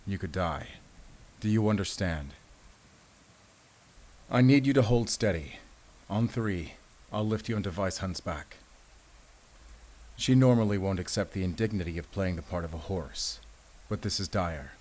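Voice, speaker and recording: A male actor plays a protective, battle-weary werewolf hunter in an audio roleplay, speaking to the listener gravely, deliberately and with command. His low-pitched voice is a little mellow, and the mood is urgent and commanding.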